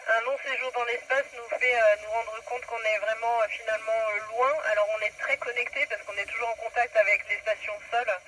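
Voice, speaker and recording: Casting: female astronaut, bright high voice, informal question-and-answer delivery over slightly noisy radio. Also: flat delivery, fairly quick, hardly any pauses. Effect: radio transmission. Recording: radio link with faint static noise.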